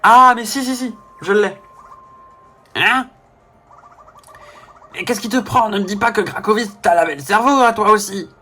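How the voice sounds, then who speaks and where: A man's voice: sits high, moderate pace, pauses often, sharp tone, voice pushed up. A man voicing a small mushroom-creature chief, bossy and rallying his troops. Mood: worried. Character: Goomba chief, small gruff mushroom commander.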